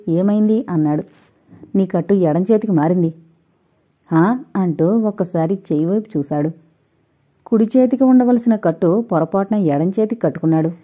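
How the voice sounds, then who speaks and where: Dark-voiced woman narrating a novel. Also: medium pitch. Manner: reads dialogue lightly, voicing characters in her own voice. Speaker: audiobook narrator. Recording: dull lo-fi recording.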